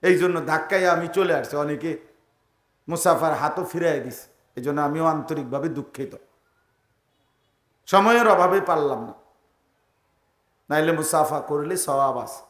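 High-voiced man preaching in an echoing hall. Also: moderate pace, pauses often, a bit bright. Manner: emphatic, rhythmic lists with rising and falling calls. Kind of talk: sermon. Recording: echoey venue sound.

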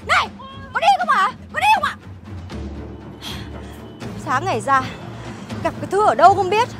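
A woman's voice: very high voice, lively intonation, fast talker. An actress playing a rude, bullying noodle shop owner who insults her customers in a web sitcom. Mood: angry. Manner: scornful, insulting, bossy. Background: background music.

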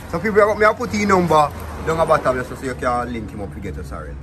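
A man with a Jamaican accent hosting a casual vlog on a rural farm, chatting in lively patois. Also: a little high, fast. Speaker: vlog host. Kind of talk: casual on-location chat. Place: outdoors at a rural farmyard.

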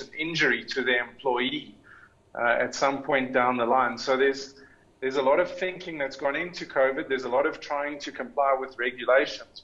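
A man, speaking from an office as an insurance expert, relaxed and conversational. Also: mid-range voice. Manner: relaxed, conversational, repeats words when restarting. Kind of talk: panel interview answers. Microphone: video call. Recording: slightly muffled video call audio.

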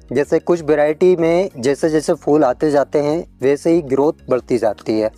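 Host of a farming tutorial: a man, somewhat high voice with a dark, mellow tone, explaining step by step to farmers; dry sound, faint music behind. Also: no echo. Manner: explanatory, repeatedly addressing farmers as friends. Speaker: farming advice channel host.

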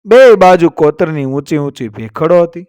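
A man narrating a village story in a steady, literary reading voice, reading the quoted lines as part of the telling. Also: fairly high pitch, normal speed, smooth, no room sound, studio quality.

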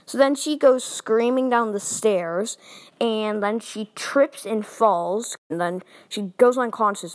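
Woman, casual storytime narrator: animated, playful, bouncing between hushed and loud. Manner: animated, sudden jumps in pitch and loudness; chatty, playful asides. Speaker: storytime video maker.

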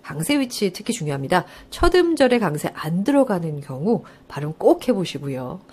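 Lively Korean woman teaching English. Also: lowish voice, normal speed, breathy edge. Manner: lively, coaxing, asks students questions and answers herself; laughs often while explaining. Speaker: English test-prep lecturer. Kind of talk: live online lecture.

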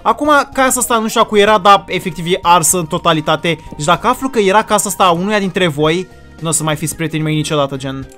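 A man with a bright, high voice gives excited commentary over his gameplay. He talks theatrically and throws in English exclamations. Faint music sits underneath. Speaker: gaming video creator.

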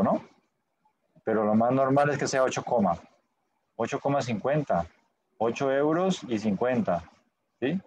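A man leads an online Spanish class over a video call. His voice sits at an average pitch, and his delivery is patient, with frequent short check-in questions. A faint background noise runs under the recording. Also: a little mellow. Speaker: Spanish teacher.

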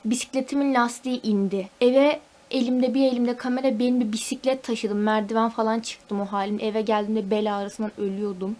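A woman's voice: fairly high pitch, fairly even intonation, fairly quick, hardly any pauses, darkish tone. A young woman, a university student, venting at home in a casual vlog, talkative and mock-dramatic. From Turkey. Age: young adult.

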